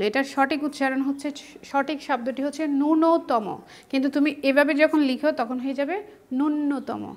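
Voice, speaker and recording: A woman teacher with a Bangladeshi Bengali accent, patiently explaining spelling step by step in an online class. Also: high-pitched.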